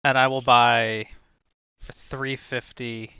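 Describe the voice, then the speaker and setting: A man's voice: medium pitch, flat delivery, slow, sharp tone, smooth, no room sound, dull audio. A man playing a board game, asking easygoing, wry questions about the rules. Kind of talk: casual chat over a board game.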